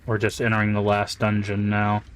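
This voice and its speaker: Male game streamer, deeper voice, laid-back running commentary, soft mumbled asides. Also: normal speed, smooth. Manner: relaxed, chatty, mumbles asides. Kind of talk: casual live-stream commentary.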